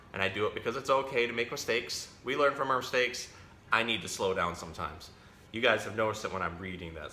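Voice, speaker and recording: With a fairly low, pushed and bright voice, a man playing the role of zookeeper presents an animal storytime for kids, chatting casually, explaining simply and fixing his own slips. The recording has roomy echo and faint noise.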